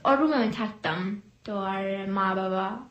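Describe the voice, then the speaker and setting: A young woman from Bangladesh telling her life story in an interview, speaking softly and hesitantly with many pauses and fillers. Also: medium pitch, echoey room, lo-fi sound. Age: young adult.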